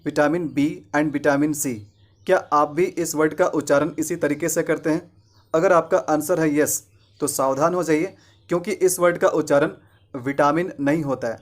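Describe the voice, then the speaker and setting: A man gives a pronunciation lesson in a voice that sits a little high. He keeps asking his own questions and answering them, repeating the correct word more than once. He slows right down for the English example sentences. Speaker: English teacher.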